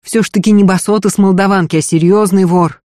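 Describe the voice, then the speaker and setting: A man's voice: sits high, fairly even intonation, quick pace, a little mellow, no echo, studio quality, lightly acted. A man reading aloud as a cheeky young male thief who talks in coaxing street slang. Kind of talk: audiobook reading.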